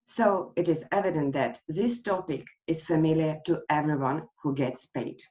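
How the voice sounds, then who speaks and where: A woman presenting a speech analysis in an online lesson, speaking slowly with many pauses and fillers over a video call. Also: low voice, mellow. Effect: heard over a video call. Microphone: computer mic on a video call. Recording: dull lo-fi video call audio.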